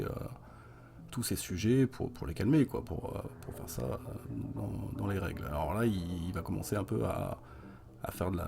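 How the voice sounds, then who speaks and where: A young man reviews a horror film in a casual spoken style, chatty and wry, with plenty of fillers and asides. His deep voice is gravelly and rough-textured, and the background is noisy.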